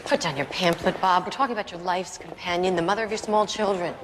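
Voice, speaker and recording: A woman's voice: on the low side, fast, natural voice. An actress playing a blunt, sarcastic young woman lawyer arguing with her family in a film drama. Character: sharp-tongued young woman lawyer, sister. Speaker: lawyer sister. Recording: film soundtrack with steady background noise.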